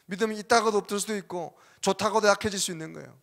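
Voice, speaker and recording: Male pastor, fairly high voice, sermon in a church with long reverb. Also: racing, vocal fry, a bit bright. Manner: preaching with rising, exclaiming emphasis. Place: church sanctuary.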